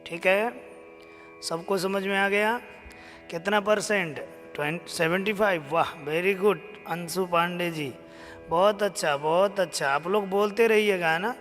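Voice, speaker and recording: Chant teacher, male, high voice, unhurried, coaxing viewers to repeat verses, reverberant room with faint music behind. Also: fairly bright tone. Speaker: stotra recitation teacher. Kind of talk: live stream chanting lesson.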